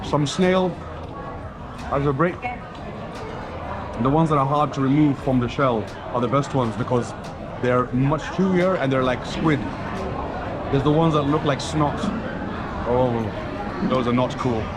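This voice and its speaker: In this casual on-camera tasting, a travel vlogger with roots in Kenya and Switzerland eats outdoors and at a restaurant, enthusiastically running through flavors while he chews. His medium-pitched voice is unhurried with frequent pauses, and the background is noisy.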